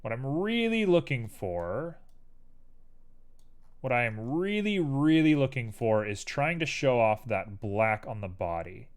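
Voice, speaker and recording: A man's voice: medium pitch, sing-song, a little slow, clear, resonant tone. A young man streaming while he 3D models, muttering to himself in a playful, rambling way. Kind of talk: casual livestream commentary while 3D modeling.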